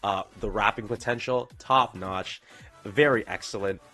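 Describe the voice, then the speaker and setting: A man narrating a tier-list video in a pitched-up voice, stumbling and repeating phrases as he goes. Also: pushed and bright. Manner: halting, repeats phrases and stumbles over words. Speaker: streamer. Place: pre-recorded video played on stream. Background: faint background music.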